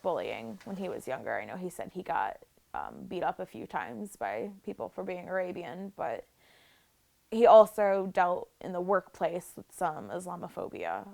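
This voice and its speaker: A woman's voice: lowish voice, big pitch swings, moderate pace, gravelly, a little mellow. Candid woman, reflective testimony. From Buffalo area, New York, USA. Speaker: documentary interviewee. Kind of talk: personal documentary testimony. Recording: music bed under the voice. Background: background music.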